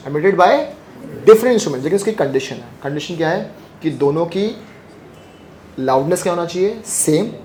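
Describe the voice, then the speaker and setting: A man's voice: on the high side, a little mellow, slight background noise. Male physics teacher quizzing his class. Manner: asks students questions and repeats the answers back; joking and teasing with students. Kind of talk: classroom lecture.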